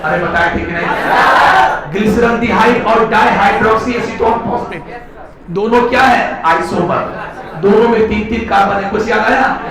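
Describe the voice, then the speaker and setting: A high-pitched man lectures a large class, asking questions and acting out molecules as little characters. He is recorded from far off in a very echoey classroom. Students can be heard around him. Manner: playful, quizzes the class, dramatizes molecules as characters. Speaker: teacher.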